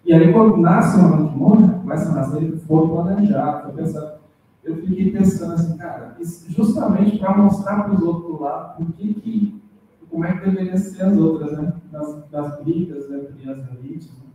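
Male seminar discussant, dark mellow tone, slightly high-pitched, taped from across an echoey room with faint noise. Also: distant mic, highs cut off. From Brazil, Rondônia. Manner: halting, with many tag questions and restarts. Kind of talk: academic feedback in a seminar.

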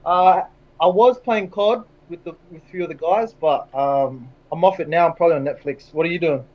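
A young Australian man with a fairly high voice, heard through dull video-call audio. He chats casually with a laid-back, slangy manner. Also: fairly quick. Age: young adult. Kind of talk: casual chat. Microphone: headset on a video call.

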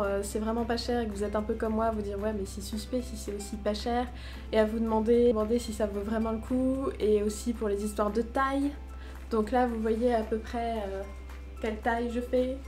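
Girl unboxing cheap sweats, kinda high voice, frank and jokey, bit of music under it. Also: darkish tone. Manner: chatty, frank, mocking asides. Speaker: vlogger reviewing cheap clothes. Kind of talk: casual unboxing review.

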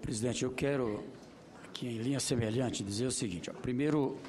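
A middle-aged Brazilian man, a senator giving a semi-formal committee speech, halting and circling back to rephrase. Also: mid-range voice, a crowd in the background. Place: large Senate committee room, indoors. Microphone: desk gooseneck microphone.

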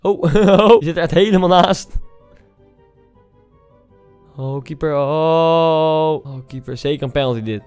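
A young man's voice, pitched a little above average and smooth and crisp, reacts to clips in casual commentary. He sounds incredulous and teasing, firing off quick exclamations. Soft music plays faintly underneath. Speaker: YouTuber.

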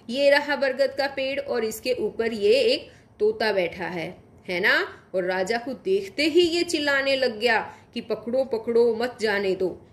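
A woman's voice: a little high, a bit bright. A woman teacher giving an online class to young children, patiently explaining a story and asking them questions.

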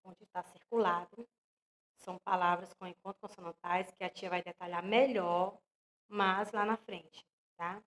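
A young woman teaching an online lesson to young children with a Brazilian accent, speaking slowly and clearly and stressing each example word. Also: lowish voice, fairly even intonation, a little hiss or hum. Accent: Brazilian Portuguese. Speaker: primary school teacher.

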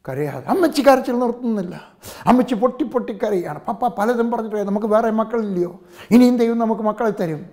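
An older pastor from Kerala with a Malayalam accent, preaching in a fairly high voice. He tells stories, repeating phrases and moving from ringing appeals to near-whispered lines. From Kerala, India. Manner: storytelling preacher, swings from loud to hushed, repeats phrases. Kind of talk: sermon.

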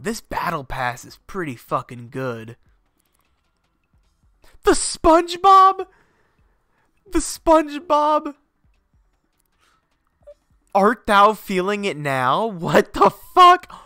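Extremely slow, with long pauses, this high-pitched male voice swings hugely in pitch and comes across bright and forceful, recorded studio-clean without echo. The young streamer, stuffy and sinusy, chats casually from his home garage, meandering and swearing freely.

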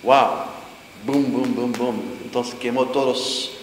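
A middle-aged man preaches a testimony sermon, earnest and halting, with an everyday mid-range pitch. His voice rings through a church hall, trailing a long reverb over a faint background hiss. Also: steady tone. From Jordan. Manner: earnest, halting, searching for words.

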